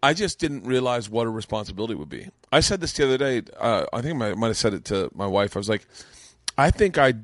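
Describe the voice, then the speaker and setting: Podcast host, male, 30s, lively storyteller, mid-pitched, dry close sound. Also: fast talker, no echo. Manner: animated storytelling, acts out quoted voices. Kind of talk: casual chat. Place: podcast studio.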